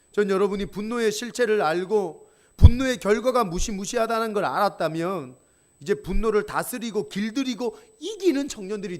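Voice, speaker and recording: Lively high-voiced Korean pastor preaching. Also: male voice. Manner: expressive preacher who acts out his own anger; leads the congregation in call-and-response reading. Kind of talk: sermon to a young adults group.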